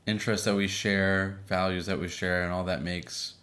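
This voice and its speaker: A man from Boston in his thirties, co-hosting a casual podcast with his wife, relaxed and full of fillers. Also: low-pitched, moderate pace. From Boston, Massachusetts. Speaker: podcast co-host. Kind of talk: casual chat.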